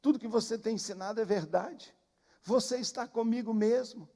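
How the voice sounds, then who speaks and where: A tender, fatherly God speaks softly and reassuringly, as a male preacher puts on the voice. The words are quiet and comforting. A long reverb hangs in the church behind them. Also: high-pitched, moderate pace.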